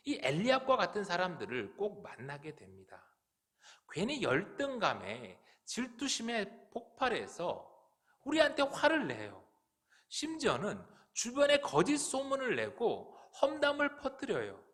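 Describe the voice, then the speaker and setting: A man's voice: high voice, a bit bright. A male pastor preaching a Sunday sermon in a church, speaking earnestly and asking the congregation rhetorical questions. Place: church sanctuary.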